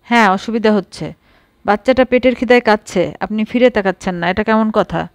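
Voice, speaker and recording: A woman's voice: mid-range voice, a little fast, dry recording, close to an everyday voice. A woman voicing a grave, earnest young uncle in a storybook reading. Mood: pleading.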